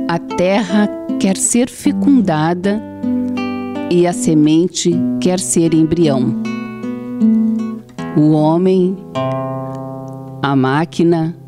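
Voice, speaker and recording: A middle-aged woman with a southern Brazilian gaúcho accent, reciting a poem in a declamatory, deliberate way. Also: on the low side. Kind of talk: poetry recitation. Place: small indoor TV studio. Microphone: handheld microphone held close.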